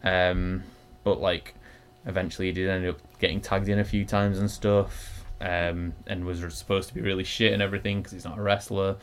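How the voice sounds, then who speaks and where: A man's voice: sits low, flat delivery, a little fast. A man co-hosting a wrestling podcast, chatting casually, laughing often and swearing freely. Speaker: podcast co-host reviewing wrestling. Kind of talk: casual chat.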